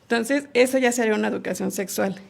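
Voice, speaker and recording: A woman, a guest on a podcast, calmly explaining sexual education in casual conversation and acting out small quoted dialogues. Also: a little high, fast talker, gravelly.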